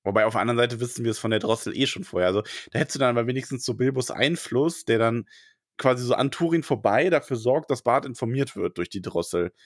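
A man talks casually as a podcast co-host, hesitant and full of fillers and restarts. His voice sits at an ordinary pitch. The recording is dry and close, with no room sound. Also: animated, quick pace, no echo. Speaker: podcast co-host discussing a book. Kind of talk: casual chat.

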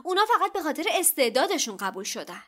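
Brief: a woman playing a fiery, indignant schoolgirl in a storybook reading, high and loud. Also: sing-song. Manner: heated, indignant.

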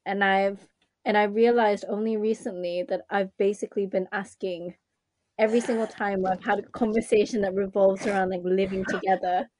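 Young woman, casual chat, giggly, rambling, mid pitch. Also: steady tone, normal speed, darkish tone, no echo.

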